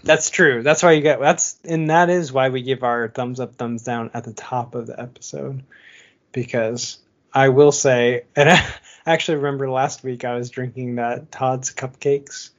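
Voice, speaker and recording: A man's voice: mid-range voice, fairly even intonation, normal speed, lo-fi sound. A man co-hosting a podcast in casual chat, talking loosely with many fillers and frequent laughs. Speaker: podcast co-host.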